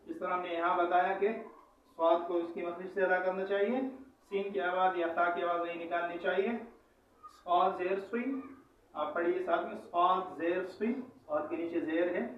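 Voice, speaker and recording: A man teaching Quran recitation, spelling out syllables slowly and repeating them for students to follow along. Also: high voice, steady tone, slight background noise. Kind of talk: teaching lesson. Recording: echoey, distant, dull sound.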